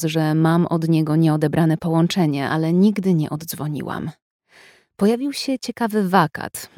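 Calm woman reading a first-person story. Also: low-pitched, no echo, studio quality. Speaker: audiobook narrator. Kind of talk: scripted first-person narration.

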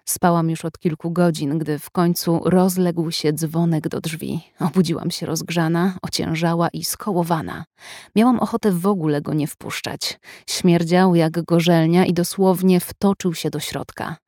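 A woman reading a first-person story aloud in a calm, measured, intimate way. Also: on the low side, dry recording, studio quality. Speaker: audiobook narrator. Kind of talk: scripted first-person narration.

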